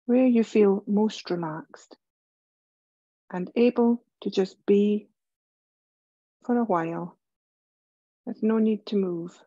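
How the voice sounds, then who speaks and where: Leading a guided relaxation meditation, a yoga teacher speaks gently and soothingly at a medium pitch, pausing between measured phrases. The recording is dry, with the highs cut off.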